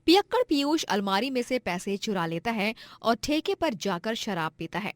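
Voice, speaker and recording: Storybook narrator, woman, high-pitched, dry close sound. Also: moderate pace, no room sound. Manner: steady storytelling.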